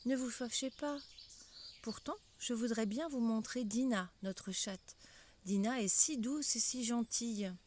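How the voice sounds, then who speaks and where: An older woman voicing the polite, curious little girl Alice in a storybook reading, coaxing and gentle. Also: on the high side, a little slow.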